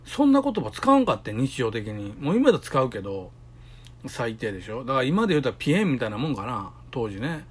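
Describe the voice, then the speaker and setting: Middle-aged man, Kansai accent, husky and animated; chatty solo storyteller. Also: medium pitch, fast. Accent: Kansai Japanese. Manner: chatty storytelling, acts out quoted voices. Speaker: solo podcaster. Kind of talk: casual solo talk.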